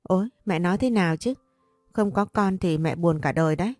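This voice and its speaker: A woman reads a cheeky young son in a storybook, brash and offhand. The voice is lowish and quick, recorded close and dry with faint music. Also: a little mellow, no room sound, lightly acted. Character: cocky lazy young man, careless son.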